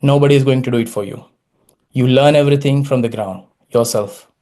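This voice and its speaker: A Gujarati-accented man from India in his late thirties, a native Gujarati speaker, tells his story as a prepared Toastmasters speech. He uses dramatic pauses and wry, self-deprecating humor, and his medium-pitched voice has a warm tone.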